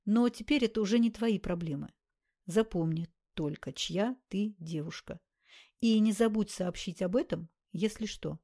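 A woman voicing a calm, hard young man who speaks quietly and curtly. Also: medium pitch, moderate pace, close to an everyday voice. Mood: cool. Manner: quiet clipped.

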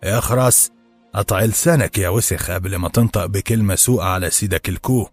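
A man doing a gravelly, furious old cook. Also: fairly low pitch, a little fast, soft background music. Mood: angry. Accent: Egyptian Arabic. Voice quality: gravelly, harsh voice. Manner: barking insults. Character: gruff hot-tempered middle-aged male head cook.

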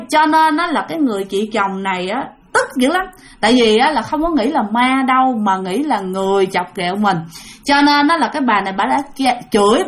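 A woman with a Southern Vietnamese accent narrates a ghost story in a casual, chatty manner, often turning to address her listeners. Her voice is very high-pitched. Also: fairly bright tone.

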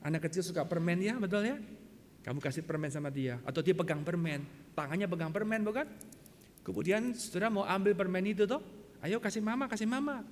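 Pastor guy preaching, high lively voice, gets loud then drops to a whisper, long church reverb. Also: fairly quick, slight background noise. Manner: animated preaching, swings from loud exclamations to hushed whispers; asks the congregation questions. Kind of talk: sermon. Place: church hall.

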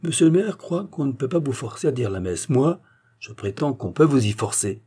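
Man reading as a calm, stubborn village philosopher. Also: mid-range voice, moderate pace, breathy edge, voice pushed up. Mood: firm. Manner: calm, almost gentle, arguing point by point. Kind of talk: audiobook reading.

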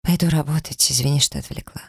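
A man's voice: a little high, fast talker, vocal fry, husky, no room sound, studio quality, pitched above the performer's own voice. A man voicing a tender young woman. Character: young woman, affectionate but easily hurt. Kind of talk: audiobook character reading.

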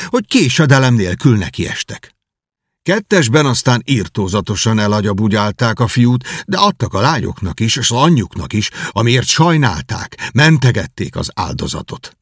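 A man reading a classic novel aloud as audiobook narrator in an expressive, dramatic way. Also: on the low side, slightly rough, no room sound, clean studio sound. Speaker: audiobook reader. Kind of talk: scripted narration.

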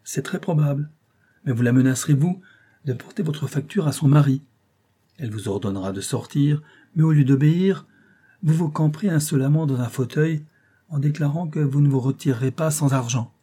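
A cold, scheming mastermind giving orders in a cool, commanding tone, as a male reader voices him. The voice is dark and husky, a little raised above the reader's usual pitch. It comes across as a storybook character. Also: normal speed. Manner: commanding, coolly instructive.

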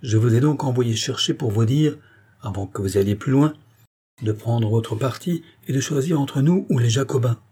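A man's voice: medium pitch, normal speed, warm tone, husky, natural voice. A man voicing a haughty, imperious queen in an audiobook, speaking in a commanding and indignant way.

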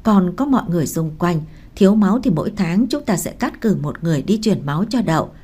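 A woman's voice: fairly low pitch, animated, fast, dark tone, breathy edge. A woman reading the lines of a caring young woman who coaxes a tired mother to eat, in an audiobook. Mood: coaxing. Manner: coaxing, practical. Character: caring sister-in-law, brisk and encouraging.

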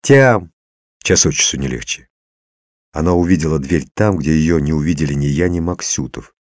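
Very deep-voiced male audiobook narrator. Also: fairly even intonation, brisk, darkish tone, dry recording. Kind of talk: first-person audiobook narration.

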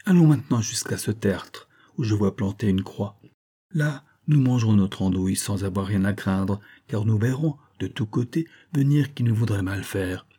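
A man's voice: fairly low pitch, normal speed, mellow, breathy edge. A man voicing a sly, wary male cat who teases with mock piety in a storybook reading. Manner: mock-pious, smug and teasing.

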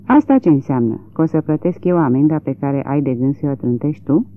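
Un bărbat care dă glas unui negustor de cai obraznic și batjocoritor. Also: male voice, on the high side, expressive, lightly acted. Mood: defiant. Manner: insolent, defiant. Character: surly, mocking country horse trader. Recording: tinny lo-fi narrow-band recording.

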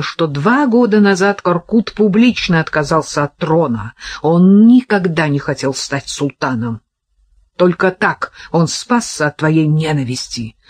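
A narrator voicing a furious, ruthless old sultan who threatens with menacing, rasping shouts, read in a dry, husky voice. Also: mid-range voice, no room sound, lightly acted.

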